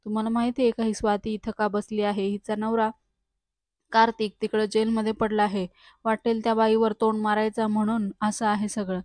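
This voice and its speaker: एका स्त्रीने वाचलेली भांडखोर, टोमणे मारणारी तरुण स्त्री. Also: female voice, mid-range voice, level tone, fairly quick, darkish tone, no room sound, clean studio sound, natural voice. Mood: defiant. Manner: taunting, accusing. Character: scheming defiant young woman, loud and insulting.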